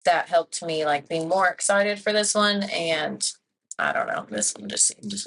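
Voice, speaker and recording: A woman in her twenties, a podcast guest, telling a personal story in a rambling, animated way full of "like". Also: lowish voice, unhurried, creaky, slight background noise, rough recording. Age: 20s. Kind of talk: casual chat.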